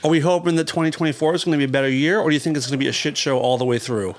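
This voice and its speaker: A man's voice: fairly high pitch, rapid-fire. A man hosting a podcast in casual chat, teasing his guest in a blunt, joking, profane way. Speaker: podcast host.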